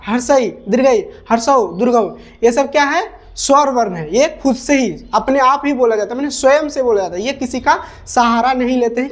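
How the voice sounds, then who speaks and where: Slightly high-voiced woman teaching at a board. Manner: asks rhetorical questions and answers them, repeats each definition. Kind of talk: whiteboard grammar lesson.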